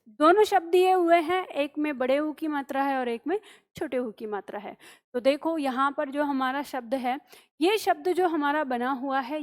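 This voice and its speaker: A woman teacher explaining word spellings to students, breaking words into parts and often checking with "okay?". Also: high voice. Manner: explains slowly, spells words syllable by syllable, keeps asking "okay?". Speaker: Hindi teacher.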